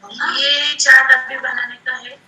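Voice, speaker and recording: A young woman, a student asking her teacher quick short questions. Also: high-pitched, level tone, sharp tone.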